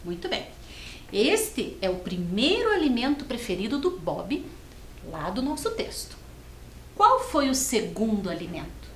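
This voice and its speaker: A woman teacher leading a televised first-grade lesson, reading slowly and sounding out words syllable by syllable in a sing-song way. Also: on the high side, wildly swooping pitch, a bit bright, a little hiss or hum. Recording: echoey studio with faint ambience.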